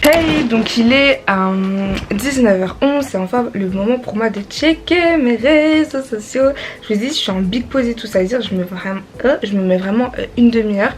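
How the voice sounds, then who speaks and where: A woman's voice: a little high, normal speed, few pauses, a little mellow, low-quality recording. A teenage girl chatting casually through her vlog, with many fillers and restarts. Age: teens. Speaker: vlogger.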